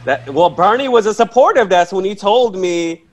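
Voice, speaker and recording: A man's voice: high-pitched, expressive, a little fast, a little hiss or hum. Rambling young man interviewer. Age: 20s. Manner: rambling, hesitant, many fillers. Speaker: interviewer, YouTube host. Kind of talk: casual interview.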